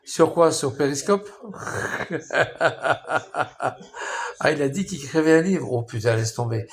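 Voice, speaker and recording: A man's voice: fairly high pitch, animated. Man streaming live, rambling and mocking, swears a lot, plenty of restarts. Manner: mocking, crude, halting with many restarts.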